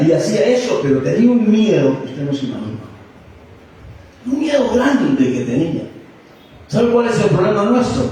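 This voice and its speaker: A man's voice: fairly high pitch, dark tone. A man pastor preaching a sermon, talking conversationally with many rhetorical questions and personal stories. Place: church hall. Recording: echoey church PA from far off.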